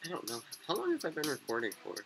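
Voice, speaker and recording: A man giving casual, rambling commentary while playing a video game, with sudden excited yelps, his voice a little rough from being sick. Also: a little high, rapid-fire, poor audio. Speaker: gaming video creator. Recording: game music under the voice. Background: game music.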